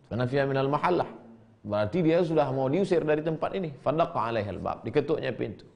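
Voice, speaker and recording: A man's voice: expressive, quick pace, gravelly, darkish tone. A male preacher reads an old Arabic text aloud and translates it line by line, repeating and rephrasing each passage and acting out the quoted people. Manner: shifts pitch sharply to act out quoted speakers. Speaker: preacher teaching a classical text.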